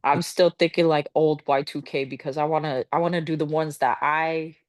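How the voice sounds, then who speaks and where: A woman's voice: low voice, steady tone, normal speed, no echo. Young woman, podcast guest, casual slangy chat, blunt, profane, very dry recording. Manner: blunt, informal.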